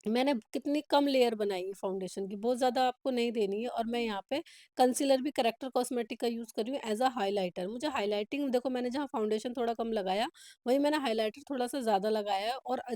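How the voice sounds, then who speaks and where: Makeup artist from India, casual instructive voice-over, mellow tone, slightly high. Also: female voice, fast talker, dry recording, clean studio sound. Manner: chatty, instructive, code-switching with English words.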